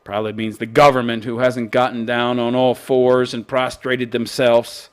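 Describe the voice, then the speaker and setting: A man's voice: mid-range voice, little pitch movement, normal speed, clear, resonant tone. A man hosting an opinion commentary show, reading out news and mocking it in a brash, coarse-mouthed, exaggerated way. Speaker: host of a commentary channel.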